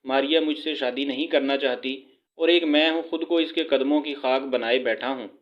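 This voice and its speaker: A man voicing an earnest, lovesick young man who talks softly and pleads. He reads the part in his own voice. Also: mid-range voice, fairly even intonation, highs cut off, lightly acted. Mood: pleading. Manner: soft, pleading.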